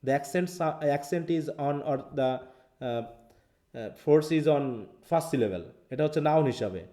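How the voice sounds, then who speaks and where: A man with a Bangladeshi accent leads a live linguistics lesson, walking through each point and checking in with his students. His voice sits a little high but sounds mellow and soft-edged. The sound carries an echo from the room around him. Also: expressive, slow. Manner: explains step by step, mixing English terms, asks students questions. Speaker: English linguistics teacher. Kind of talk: live online class lecture.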